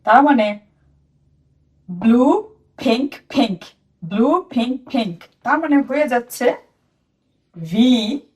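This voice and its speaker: Bangladeshi woman teaching phonics, high voice. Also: lively intonation, a little mellow, far from the mic. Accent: Bangladeshi Bengali. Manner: repeats sounds slowly for children to copy. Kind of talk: children's phonics lesson.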